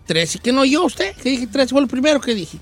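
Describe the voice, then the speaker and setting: A man's voice: very high voice, sing-song, normal speed, a bit bright, faint music behind. A man hosting a comic news show, reading stories and teasing his co-hosts.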